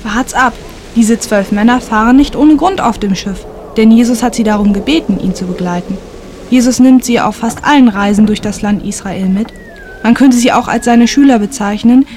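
A woman's voice: on the high side, moderate pace, a little mellow, lightly acted. A woman playing a patient, knowing storyteller who explains things in a children's radio play. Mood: explaining. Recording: clear storm noise behind narration.

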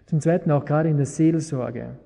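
A man's voice: on the high side, moderate pace, gravelly, mellow. A man preaching a sermon, engaging his listeners with rhetorical questions. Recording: long hall reverb.

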